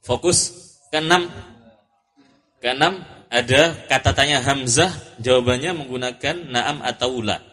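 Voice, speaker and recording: A man's voice: medium pitch, a little slow, long pauses, pushed and bright. A man teaching an Arabic lesson, patiently repeating and correcting each student's answer. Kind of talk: classroom drill lesson.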